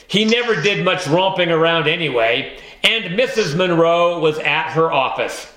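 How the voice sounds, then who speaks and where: A man reads a children's audiobook in the first person, taking his time. His voice is fairly high and bright, and his manner is wry. The recording has a roomy echo around it. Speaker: audiobook narrator.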